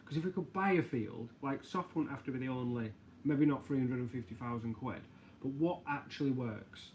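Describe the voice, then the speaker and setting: Man, jokey rambling livestream host, mid-pitched voice, faint background hum. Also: normal speed, darkish tone. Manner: rambling, jokey, reads out viewer comments. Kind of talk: casual live chat.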